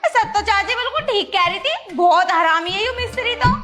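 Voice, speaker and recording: A quarrelsome young village wife bickers dramatically, as a woman plays her. Her voice is very high. Clear background music runs beneath it. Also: animated, normal speed. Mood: worried. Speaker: comedy skit actor.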